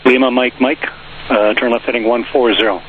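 A man's voice: medium pitch, steady tone, a little fast. A man working as an air traffic controller, giving clipped instructions over aviation radio. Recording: tinny narrowband radio, hissing static.

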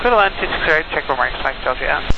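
A man's voice: a little high, animated, racing, gravelly. A man pilot making clipped, routine calls to the control tower over the radio. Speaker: airline pilot. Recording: muffled radio with loud static hiss.

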